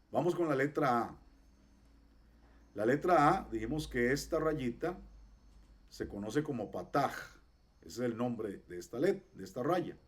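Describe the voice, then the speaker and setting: A man teaching a class, patiently explaining pronunciation and repeating each example slowly. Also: lowish voice. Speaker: Hebrew teacher. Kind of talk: online class.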